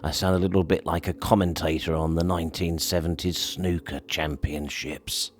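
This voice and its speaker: A man doing a relaxed studio voiceover in a husky, slightly dreamy voice. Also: extremely low pitch, moderate pace. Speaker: video host. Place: home studio.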